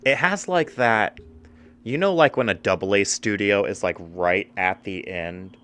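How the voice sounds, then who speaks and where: Man, low voice, casual gaming chat, swears a lot, rambling. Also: a little slow, a bit bright. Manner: casual and profane, rambling with fillers. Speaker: gaming streamer.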